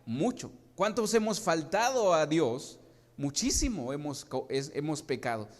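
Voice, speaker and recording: A man's voice: on the high side, big pitch swings, measured pace. A man preaching a sermon to his congregation, often asking them questions and restarting his phrases. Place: church hall. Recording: long hall reverb.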